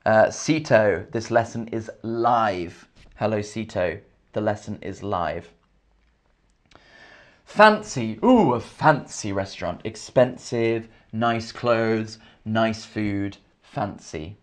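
Indoors in Scotland, an Englishman with an English accent teaches a live online English lesson. His voice sits on the low side and is animated; he slowly repeats every question and thanks viewers by name.

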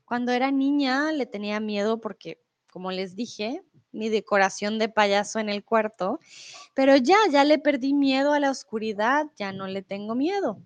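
Teaching Spanish live online, a young woman speaks at normal speed in a voice on the high side. She is friendly and patient, reading out viewer comments and occasionally explaining in English.

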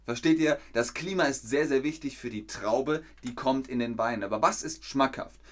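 A man giving a live-streamed German lesson, reading chat comments, quizzing viewers and slowly repeating and rephrasing sentences for learners, with playful joking asides. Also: medium pitch. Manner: asks viewers questions and reads out chat comments. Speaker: German teacher.

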